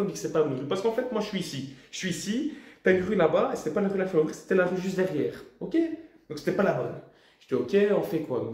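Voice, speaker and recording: A young man from Belgium telling a comic storytime, ranting in an animated, slangy, exasperated way. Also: medium pitch. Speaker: vlogger. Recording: very echoey room.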